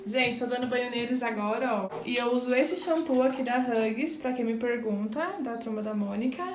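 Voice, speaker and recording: A woman's voice: fairly high pitch, normal speed, background noise. A young woman with a Brazilian Portuguese accent, a mother of twins chatting cheerfully to her viewers while caring for her babies. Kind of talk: casual vlog chat to viewers. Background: loud background music.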